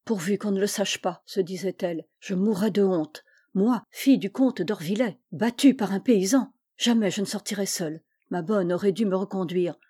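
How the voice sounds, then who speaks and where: A woman voicing a proud, disdainful young noble girl in a storybook reading, speaking in a sharp, petulant manner. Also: medium pitch, normal speed, hardly any pauses, slightly rough, natural voice. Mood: resentful.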